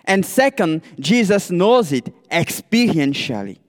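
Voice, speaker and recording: A man delivers a sermon at an unhurried, measured pace, pausing to pose rhetorical questions to his listeners. His voice sits notably high for a man, and it rings out with the long reverb of a church hall. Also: sing-song. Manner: slow, deliberate preaching with rhetorical questions. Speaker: pastoral candidate preaching.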